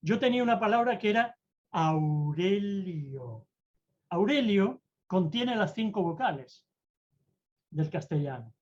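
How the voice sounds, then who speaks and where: This mentor, whose mid-range voice is animated and darkish, teaches public speaking via video call. He performs theatrically, moving freely between different tones and speeds on purpose. Sound quality is a bit dull and lo-fi.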